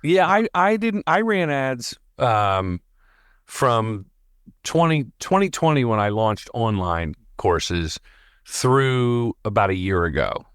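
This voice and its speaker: A man's voice: medium pitch, big pitch swings, slow, a bit bright, clean tone, no room sound, clean studio sound. A man hosting a podcast interview in casual chat, rambling and talking a mile a minute. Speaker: podcast host.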